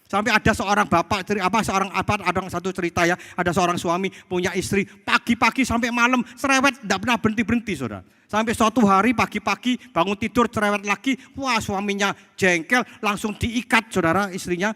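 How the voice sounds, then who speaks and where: A male pastor preaching to a congregation, asking himself questions and swinging between loud exclamations and quiet asides. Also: high-pitched, brisk, few pauses. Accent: Indonesian. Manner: rhetorical questions answered himself, addresses congregation as saudara. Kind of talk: sermon. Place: church hall. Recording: long hall reverb.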